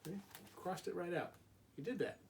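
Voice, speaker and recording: A preschool and kindergarten teacher reads a storybook to young children in an animated, gravelly voice that sits high, at normal speed. He uses simple phrases and small asides, with slight background noise.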